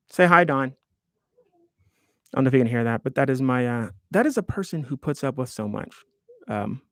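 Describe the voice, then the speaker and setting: A man's voice: mid-range voice, a bit bright, no echo, studio quality. A man in his fifties hosting a live stream, chatting casually and in a rambling, self-deprecating way while reading viewer comments aloud. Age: 50s.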